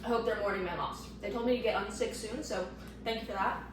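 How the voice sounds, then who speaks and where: A woman's voice: mid-range voice, steady tone, fast, recorded from a distance. Teen girl vlogger, sick, chatty and rambling, heard from off mic in a very echoey room with faint noise. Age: teens. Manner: chatty, rambling, self-deprecating. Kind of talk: casual vlog talk to camera. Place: at home.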